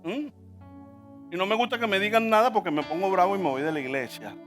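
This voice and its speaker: A man's voice: sits high, fairly quick, soft background music. A male pastor preaching a sermon in church, emphatic, often asking the congregation to repeat words after him.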